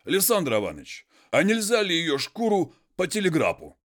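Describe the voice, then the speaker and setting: Peasant role for a male narrator: illiterate, folksy, pleading, pitched well above his own voice, loud. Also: huge pitch swings. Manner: folksy, drawn-out pleading speech.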